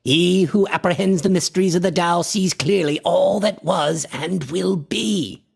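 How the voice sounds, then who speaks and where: In a heavily acted radio horror drama, a man plays an obsessed, imperious antiquarian experimenting with a mystical drug. His high voice is breathy and husky, and his grandiose, deliberate, formally worded delivery often sinks toward a whisper. The mood is reverent and grandiose.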